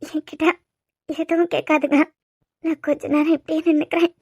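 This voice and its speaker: A woman playing a guarded young woman in a cartoon serial who pleads with hurt in her voice. She speaks high, with a Kanyakumari Tamil accent, and the close recording is dry. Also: fast talker, a little mellow, no echo, lightly acted. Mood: tearful. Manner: pleading, emotional.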